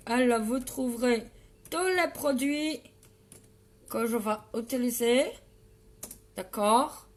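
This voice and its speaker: A woman beauty vlogger hosts a live makeup tutorial and hams it up for her viewers, teasing and greeting them by name. Her voice sits high and she speaks slowly, stretching out her words. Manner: loud and exaggerated, hamming it up.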